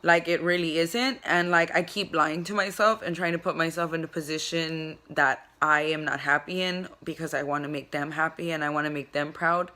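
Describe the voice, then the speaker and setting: A woman's voice: sits low, fairly even intonation, normal speed, few pauses, pushed and bright. A young woman vlogging from her bed into her phone, chatting in a rambling, profane way full of "like". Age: young adult. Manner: rambling, profane, filler-heavy with constant "like". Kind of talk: casual confessional chat. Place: in bed at home. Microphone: phone camera.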